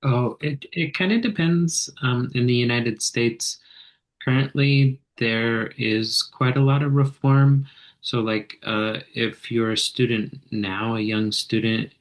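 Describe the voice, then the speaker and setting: A man in his thirties, a student in an online class, speaking in a measured way with frequent fillers. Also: mid-range voice, fairly even intonation. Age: 30s.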